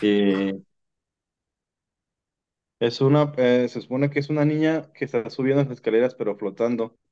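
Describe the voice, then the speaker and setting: Dull lo-fi audio captures a podcast guest with a Mexican Spanish accent rambling casually through paranormal stories, often restarting what he says. His mid-range voice is dark, clear and resonant, delivered at a moderate pace.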